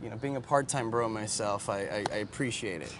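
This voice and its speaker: A man's voice: lowish voice, fairly quick. Self-mocking male actor guest, casual and joking, outdoor chat with faint street noise. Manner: playful, rambling, self-mocking.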